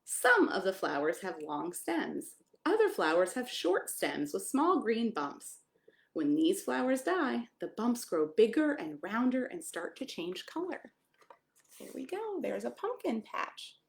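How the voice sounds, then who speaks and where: A pastor from Maryland, United States, reads a story to young children, breaking off for chatty remarks and simple questions. Her voice is a little high, sing-song and creaky, and her pace a little slow.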